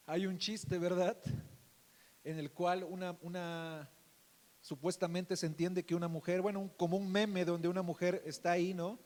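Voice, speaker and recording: High-voiced Mexican pastor preaching in a hall. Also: male voice, level tone, unhurried, long pauses. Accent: Mexican Spanish. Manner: addresses listeners as beloved brother, asks "right?" often; dynamic swings between loud emphasis and soft asides. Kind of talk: sermon. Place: church.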